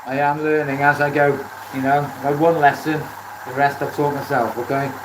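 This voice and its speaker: With a flat delivery at normal speed, a man from Wales chats casually on a livestream while turning wood as a beginner. He tends to repeat phrases for emphasis. The indoor workshop sounds echoey, dominated by a rumbling lathe motor.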